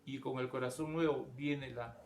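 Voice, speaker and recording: Gravelly preaching man in an echoey church. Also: mid-range voice, fairly even intonation, moderate pace, a little hiss or hum. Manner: preacherly, repeats words, calls listeners brother. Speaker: pastor. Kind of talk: sermon.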